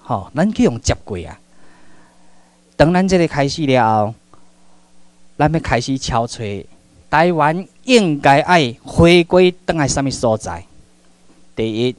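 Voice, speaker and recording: Giving a public lecture, a middle-aged man from Taiwan tells animated stories that shift from loud to hushed, his voice on the high side and his pace measured with frequent pauses. No room sound can be heard.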